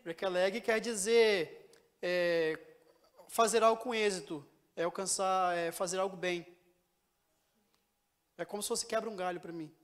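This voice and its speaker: A man's voice: sits high, fairly bright tone. A man with a Brazilian Portuguese accent giving a teaching sermon in a church, talking in a conversational way and explaining with examples and questions to the congregation. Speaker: preacher.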